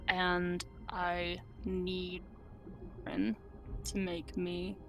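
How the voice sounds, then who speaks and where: A woman narrating as game master of a tabletop game, describing scenes in a measured way. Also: lowish voice, monotone, over music.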